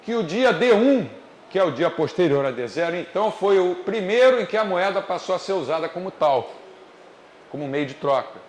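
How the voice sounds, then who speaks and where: A man's voice: high-pitched, expressive. Brazilian male lecturer in an echoey room. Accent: Brazilian Portuguese. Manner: explains step by step, deliberately slow on key points. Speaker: economics lecturer. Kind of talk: classroom lecture. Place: classroom. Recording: echoey classroom, faint noise.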